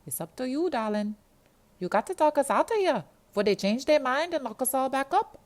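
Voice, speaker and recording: A woman's voice: high voice, sing-song, normal speed, pitched above the performer's own voice. A woman voicing a brash young Jamaican woman in a detention centre queue, bossy and streetwise, with a Jamaican accent. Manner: bossy, loud, streetwise, calls everyone darling.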